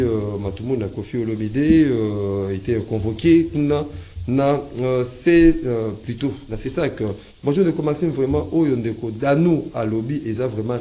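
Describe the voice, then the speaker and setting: Man reading listener messages, mellow voice. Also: medium pitch. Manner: halting reading with many fillers, mixing French and Lingala. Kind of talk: reading viewer comments aloud on a talk show.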